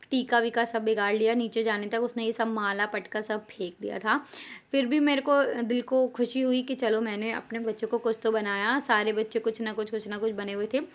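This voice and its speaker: A woman in her thirties vlogging in a chatty, casual way, mixing English words into her Hindi. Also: fairly high pitch. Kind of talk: casual chat to camera.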